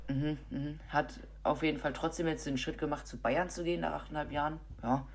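A woman with a cold co-hosts a podcast, talking casually about football with lots of fillers and restarts. Her voice is low and fairly even in intonation, and she speaks briskly.

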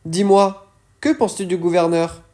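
A man's voice: sits high, steady tone, normal speed, mellow, pitched above the performer's own voice, lightly acted. A man voicing a wily old male dealer who asks probing, insinuating questions. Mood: sly.

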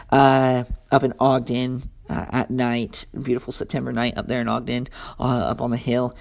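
A man's voice: medium pitch, creaky. A young American man hosting a casual solo sports talk, rambling through his thoughts with many fillers and restarts. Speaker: sports podcast host.

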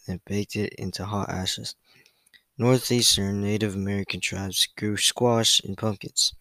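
A young man with a bright, forceful, rather low voice hosts a solo podcast. He reads facts in a loose, chatty way, full of fillers, stumbles and self-corrections. The sound is dry and close, with no room around it. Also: dry recording, low-quality recording. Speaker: podcast host.

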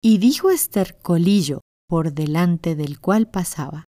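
Woman reading a kids' fairy tale, mellow tone, dry close sound. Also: on the low side, unhurried, no room sound. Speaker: storyteller. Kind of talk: children's storytelling. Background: faint music.

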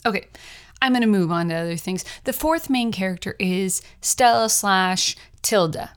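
A woman's voice: medium pitch, clear, resonant tone. A young adult woman hosting her own podcast, telling personal stories in a chatty, rambling way with frequent laughs. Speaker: podcast host, writer. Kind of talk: casual personal monologue.

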